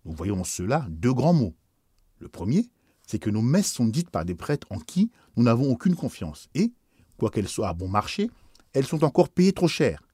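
A man narrating a first-person story aloud in a calm, measured, earnest way. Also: medium pitch, husky, no echo. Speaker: audiobook narrator.

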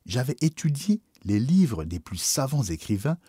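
A man narrating a first-person memoir in a measured, expressive audiobook reading. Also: mid-range voice, slightly rough, dry recording, studio quality.

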